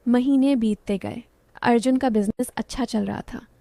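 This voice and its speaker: A woman's voice: a little high, normal speed, vocal fry, dark tone, no room sound. A woman narrating an emotional first-person story in a confiding storytelling manner.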